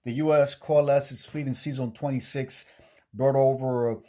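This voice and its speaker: A man hosting a board-game series, giving a casual recap in a halting way, repeating himself and checking in with "okay". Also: mid-range voice, fairly even intonation, dark tone. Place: indoor home game room he calls the bunker.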